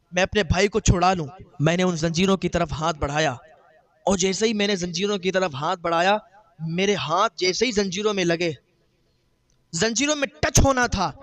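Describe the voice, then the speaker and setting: A man's voice: sits high, a bit bright. A man preaching in a sermon, telling a story with emotion and voicing the grieving brother's words.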